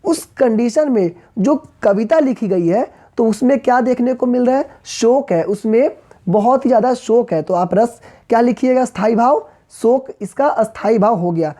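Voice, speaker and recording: A woman teaches an online grammar lesson in a fairly high, mellow voice. She explains things patiently and speaks straight to her viewers, reading the verse lines out slowly. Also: animated.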